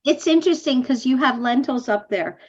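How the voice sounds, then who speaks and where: A woman's voice: high voice, lively intonation, a little fast, darkish tone, breathy edge. Woman interviewer on a lo-fi call. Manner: asks short clarifying questions. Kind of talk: casual interview.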